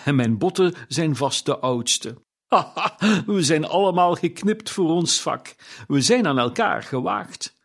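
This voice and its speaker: A man's voice: medium pitch, expressive, measured pace, gravelly. A man voicing Old Joe, a sly old male pawnbroker who talks in a wheedling, cackling way in an audiobook. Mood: sly hearty. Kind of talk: audiobook character reading.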